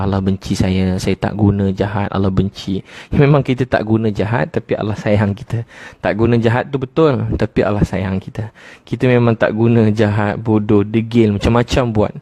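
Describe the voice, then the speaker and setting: A middle-aged man with a Malaysian Malay accent preaching a humorous sermon to a congregation. He tells stories animatedly and slowly chants some phrases in a sung tone. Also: lowish voice, steady tone, darkish tone, no room sound.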